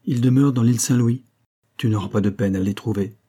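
A man voicing a resolute, cunning young wife who speaks with controlled calm. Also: medium pitch, fast, breathy edge, close to an everyday voice.

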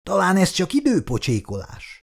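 Guy reading as a cocky boastful twin, pitched way up, mocking tone, audiobook. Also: huge pitch swings, gravelly, full character voice. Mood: smug. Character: young man, cocky boastful twin brother.

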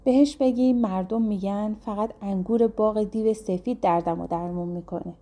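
A domineering yellow demon from a spoken folktale, drawling his threats slowly. A woman narrator gives him voice, low in tone and husky. He is ugly and pushy, never gentle. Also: lightly acted. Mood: bossy.

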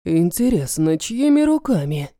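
A woman's voice: lowish voice, sing-song, dark tone, dry recording, studio quality, pitched below the performer's own voice. Woman voicing a cruel ancient dragon man. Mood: menacing. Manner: slow, sneering, menacing. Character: cruel ancient male dragon lord, mocking.

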